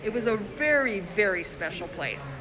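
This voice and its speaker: Walking around an indoor gallery with her phone in hand, a woman from the Congo livestreams a casual, chatty tour of her exhibition, pointing out her work over the buzz of an opening-night crowd. She speaks in a sing-song, mid-range voice at a moderate pace, on a low-quality recording.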